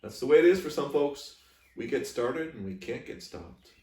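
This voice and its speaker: A man voicing a kindly, plainspoken old Southern woman with a folksy, gently admonishing way, as he reads a story. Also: medium pitch, expressive, normal speed, pitched above the performer's own voice, natural voice. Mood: candid, rueful. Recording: echoey room, distant microphone.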